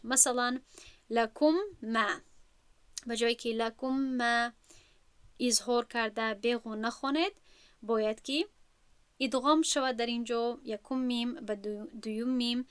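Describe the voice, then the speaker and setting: A woman teaching Quran recitation rules, explaining patiently and slowly drawing out the recited examples. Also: fairly high pitch, clear, resonant tone, no room sound. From Central Asia.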